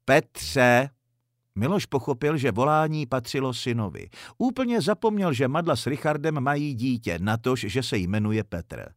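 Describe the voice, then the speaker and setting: A man narrating a story in a calm, measured audiobook reading. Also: mid-range voice, dry recording, clean studio sound.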